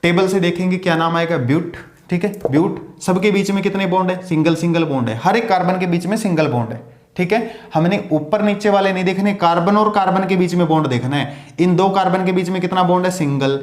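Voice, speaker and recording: High-voiced man teaching in an echoey room. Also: a little fast. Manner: asks questions and answers them himself; counts aloud while drawing. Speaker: science teacher. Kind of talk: classroom lecture.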